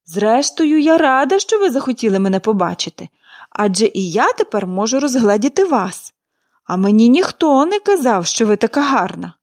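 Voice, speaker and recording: A woman's voice: on the high side, sing-song, moderate pace, a little mellow. A woman voicing a cheerful, chatty young girl in an audiobook reading, gushing and eager.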